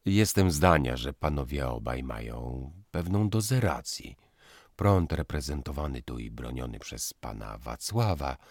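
A man's voice: very deep voice, darkish tone, no room sound, studio quality, exaggerated voice. Man reading a reserved polite young man. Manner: hesitant, measured and evasive.

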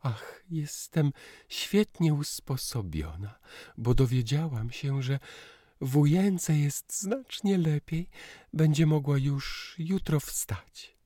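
A man voicing a cheerful, playful young wife who chatters brightly. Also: sits low, slow pace, no room sound, clean studio sound, voice pushed up, full character voice. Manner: chirpy, lively storytelling.

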